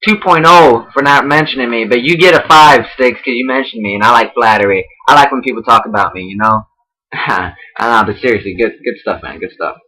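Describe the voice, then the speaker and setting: A man's voice: medium pitch, a little fast, sharp tone, poor audio. Rambling, profane young man. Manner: rambling, profane, many restarts and fillers. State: out of breath. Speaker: online wrestling roleplay host giving feedback. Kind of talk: casual spoken feedback.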